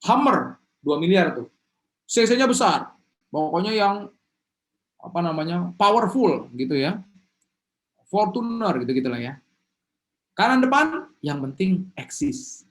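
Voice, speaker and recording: A man giving an online seminar talk as a motivational coach over a video call. He is animated and leads his audience in call-and-response. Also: high voice, unhurried, pauses often.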